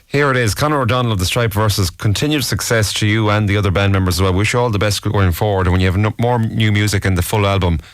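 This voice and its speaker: A man's voice: fairly low pitch, fairly even intonation, quick pace, hardly any pauses, dry recording, clean studio sound. A man hosting a friendly radio interview.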